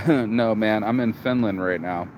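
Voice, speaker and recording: Unhurried and a little mellow, the man's lowish voice carries a casual, meandering vlog monologue full of profanity, restarts, and repeated words. He's from Las Vegas, sounds tired and low-energy, and is outside in a city with traffic and street noise around him.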